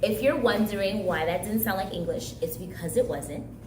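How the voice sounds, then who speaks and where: There's a little hiss or hum over this roomy recording of a young woman teaching kids a craft at a recreation center. Her first language is Haitian Creole, and she speaks at normal speed in a medium-pitched, darkish voice, keeping things casual, upbeat, chatty and full of easy laughter.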